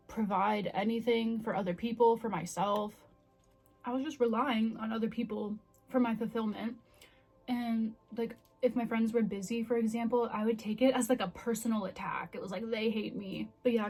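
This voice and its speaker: Woman, twenties, higher-pitched voice, casual confessional vlog chat, candid and self-reflective, music behind. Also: darkish tone. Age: 20s. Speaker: vlogger.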